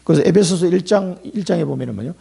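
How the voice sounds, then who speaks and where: A man's voice: a little high, lively intonation, fast, vocal fry, warm tone, slightly rough. A middle-aged male pastor giving a conversational sermon, telling stories with chuckling asides.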